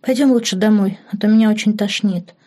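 A woman's voice: on the high side, level tone, a little slow, dark tone, pitched above the performer's own voice. A woman reading an audiobook voices a pale, curious little girl who speaks plaintively.

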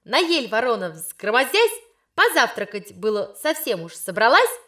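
Woman doing a cheeky high schoolgirl. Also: very animated, moderate pace, bright, forceful tone. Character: cheeky schoolgirl reciting the wrong fable.

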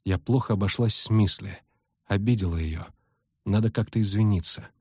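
A man voicing a cold young woman warrior who speaks quietly and contemptuously, husky-voiced. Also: lowish voice, normal speed, no room sound, studio quality, voice pushed down. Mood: brooding.

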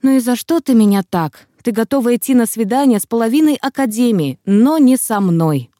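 A woman voicing a stubborn, feverish young male student who grumbles gruffly and speaks hoarsely, in an audiobook. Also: fairly high pitch, expressive, fairly quick, warm tone, no echo, clean studio sound, natural voice. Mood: hoarse reproachful. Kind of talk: audiobook character reading.

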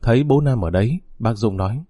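Guy reading a story, mellow voice, dry close sound. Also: mid-range voice, lively intonation, fairly quick, no room sound. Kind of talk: scripted story narration.

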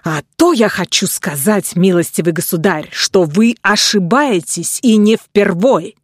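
A woman's voice: mid-range voice, a little slow, dry recording, clean studio sound, close to an everyday voice. A woman reading the part of a nervous, desperate male naval officer, with a ringing, agitated, faltering voice.

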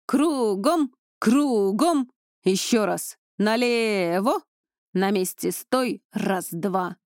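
A woman's voice: mid-range voice, slow pace, a little mellow, dry recording, studio quality, close to an everyday voice. A woman reading an audiobook, voicing a strict young male drill instructor who barks commands. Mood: commanding. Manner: barking commands.

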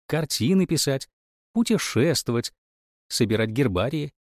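A man voicing a calm, clever boy who reasons politely with a wry edge. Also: mid-range voice, a little slow, no echo, clean studio sound, voice pushed up, close to an everyday voice. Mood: reasoning. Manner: polite, reasoning, mildly ironic.

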